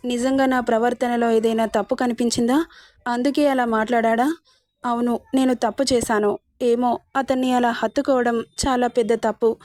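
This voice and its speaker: A woman's voice: on the high side, a little mellow, no room sound, lightly acted. Wounded, self-questioning young bride, read by a female storyteller; dry close sound. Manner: troubled inner monologue.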